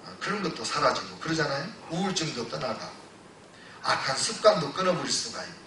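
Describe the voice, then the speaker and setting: A male pastor preaching a sermon, telling stories that move between loud exclamations and hushed retelling. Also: fairly high pitch, very animated, brisk, slight background noise. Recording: echoey church hall, voice from a distance.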